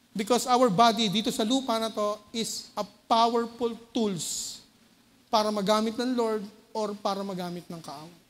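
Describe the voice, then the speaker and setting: A man with a Filipino accent preaching a sermon. He often asks the congregation "no?" and moves between loud urgent bursts and low quiet asides. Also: slight background noise. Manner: keeps checking with the congregation by tagging "no?" onto phrases. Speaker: lay preacher. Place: church hall. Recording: long reverb of a church hall.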